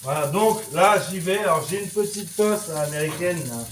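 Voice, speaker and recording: Bright and high-sitting, the man's voice keeps a normal speed as he, a cooking teacher from France, runs a chatty kitchen demo full of "hein," "voilà," and sound effects. The room echoes, the pan sizzles and fries, and there's slight background noise.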